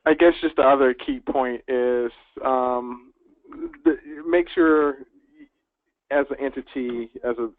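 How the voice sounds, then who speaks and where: A man speaking as a webinar panelist, giving steady advice with some fillers. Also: medium pitch, slow pace, no echo. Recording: dry, tinny phone-line audio.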